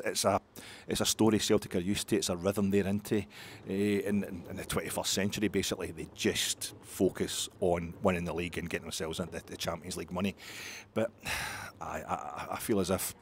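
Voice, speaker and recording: Scottish guy, middle-aged, podcast host, rattles on fast, lots of false starts and sighs. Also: low voice, slight background noise. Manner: rambling, self-interrupting with many restarts and sighs. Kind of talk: post-match football chat.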